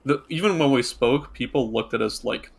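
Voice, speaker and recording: Gravelly young man, rambling chat. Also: medium pitch, moderate pace. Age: young adult. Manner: rambling, hedging with lots of likes. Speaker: podcast co-host. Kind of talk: casual podcast chat.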